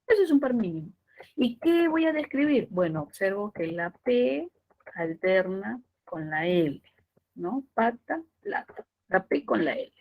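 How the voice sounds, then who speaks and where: A woman giving a pre-university language lecture, explaining step by step with rhetorical questions and drawing out key terms slowly. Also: mid-range voice, big pitch swings, dull audio. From Peru. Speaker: language teacher.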